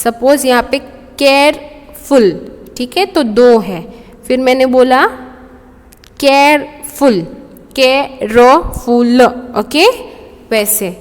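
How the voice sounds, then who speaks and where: A woman's voice: high-pitched, slow pace, pauses often, in a large hall. A woman teaching a school grammar lesson, explaining step by step in Hindi and English and often checking with "okay?".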